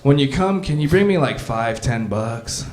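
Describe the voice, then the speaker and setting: A man's voice: medium pitch, animated, moderate pace, background noise, lightly acted. A man doing God as a chummy, needy buddy. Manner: offhand, chummy, mumbling asides. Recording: reverberant club room.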